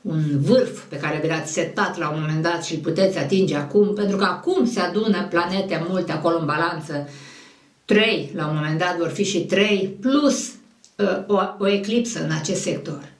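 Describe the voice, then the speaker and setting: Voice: medium pitch, reverberant, recorded from a distance. An astrologer giving a monthly horoscope in a conversational, digressive way that often corrects itself.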